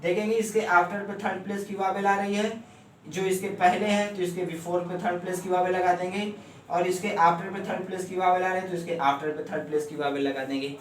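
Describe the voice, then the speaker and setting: Male shorthand tutor, high pitch, steady explainer, faint hum under an echoey room. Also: a little fast, far from the mic. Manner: steady, repeats "ठीक है ना" often. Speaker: shorthand teacher. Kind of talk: explaining at a board.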